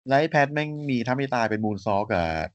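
A man's voice: fairly low pitch, sing-song, no room sound. Guy cohost tossing in crude jokes, voice bouncing all over, dull dry sound. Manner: quick wisecracks, crude slang. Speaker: podcast co-host. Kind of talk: casual podcast banter.

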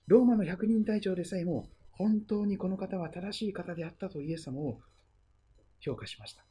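A pastor preaching a sermon and retelling the story, often letting phrases trail into a hush. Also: mid-range voice, slightly rough.

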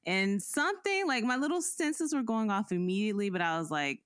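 A woman's voice: medium pitch, fairly quick, clear, resonant tone, dry recording. A woman cohosting a podcast, telling a story in casual chat and acting out the people in it. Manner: animated, acts out the people in the story.

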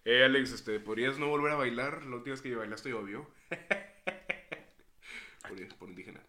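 A man's voice: mid-range voice, a little slow, pushed and bright. A young man co-hosting a podcast, joking in crude banter and often trailing off. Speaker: podcast co-host.

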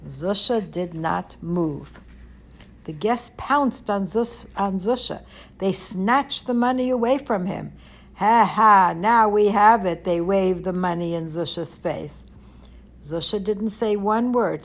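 A woman reading a children's storybook aloud at an ordinary pitch. Her delivery is clear and expressive.

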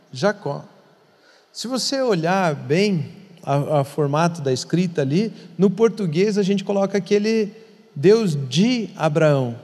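A man's voice: a little high, darkish tone. A man who is a pastor, teaching in an earnest conversational way and repeating words for emphasis. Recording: long hall reverb.

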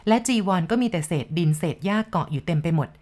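A woman with a somewhat low voice narrates a spooky forest tale in the first person. Her delivery is steady and measured, carrying the story along line by line.

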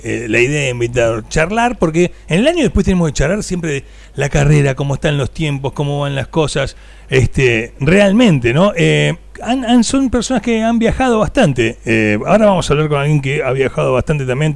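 A man with an Argentine Spanish accent hosting a casual radio interview, chatty and quick to laugh. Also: fairly high pitch, animated, gravelly, no room sound. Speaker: radio host.

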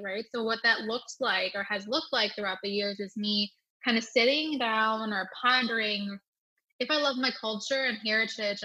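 A young woman from the United States, whose first language growing up was Thai, answers an interview as a guest, reflecting earnestly on personal matters and often checking in with "right?". Her medium-pitched voice sounds pushed and bright, and the recording is rough.

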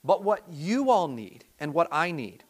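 A man preaching a sermon from the pulpit, earnest and searching for his words, stumbling and restarting often. His voice sits a touch high for a man. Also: sing-song. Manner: earnest, halting with repeated restarts. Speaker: pastor.

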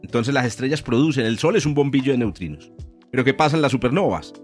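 A man's voice: mid-range voice, expressive, quick pace. A male podcast host with a mid-range voice. He chats and explains science informally, like a professor, with faint music behind him. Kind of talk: casual, educational science chat.

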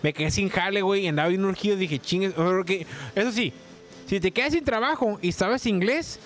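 Guest: young man with a high voice and rapid, slangy, laugh-filled storytelling. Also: faint music behind. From Mexico. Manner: animated storyteller, heavy slang, laughs often. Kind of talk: casual podcast chat.

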